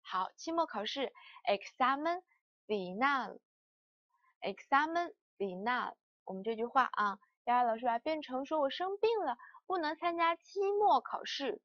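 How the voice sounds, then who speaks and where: Woman teacher, high voice, slow drills, dry room, dull sound. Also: lively intonation, no echo. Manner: slow, repeated word drills. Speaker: language teacher. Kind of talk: lesson.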